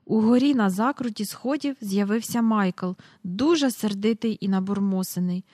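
A woman reads a children's storybook aloud in an even storytelling manner. Her voice sits at a medium pitch. The recording is close and dry, with no room echo. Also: moderate pace. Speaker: audiobook narrator. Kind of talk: scripted narration.

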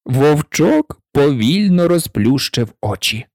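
A reader narrating a storybook with an expressive, lively delivery and frequent hesitations. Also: medium pitch, slow pace, no echo, clean studio sound. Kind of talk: storybook reading.

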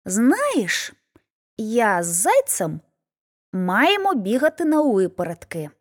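A woman voicing a sly, confident male hedgehog in a storybook, who gives calm, persuasive instructions. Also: on the high side, slow, heavily acted. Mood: scheming.

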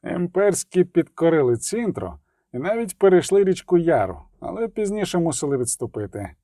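A man voicing a calm, well-informed middle-aged merchant in an audiobook, explaining in a measured way. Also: high voice, dry recording, studio quality, full character voice.

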